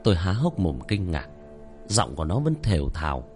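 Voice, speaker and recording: A man's voice: deep voice, normal speed, soft background music. Man narrating a horror story dramatically. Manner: dramatic, expressive, pleading in dialogue. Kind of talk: first-person horror storytelling.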